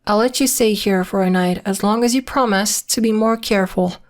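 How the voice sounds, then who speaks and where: In this ASMR roleplay, a medium-pitched woman lightly acts the part of a secretive young werewolf who is polite and protective. Her speech stays measured, hesitant and matter-of-fact, carrying a concerned, gently scolding mood.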